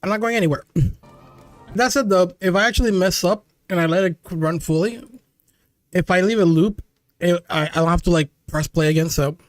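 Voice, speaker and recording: A young man with a notably high voice streams live and talks casually to his viewers, loose and chatty. The sound is dry and close, with no room around it. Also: brisk, dry recording, soft background music. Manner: chatty, loose, calls the audience "dude" and "chat".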